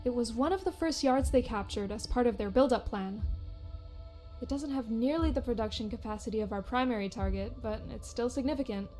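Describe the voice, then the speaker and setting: A woman voicing a businesslike female fleet intelligence officer, giving a steady, matter-of-fact briefing in a game. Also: on the high side, a little fast, soft background music, natural voice.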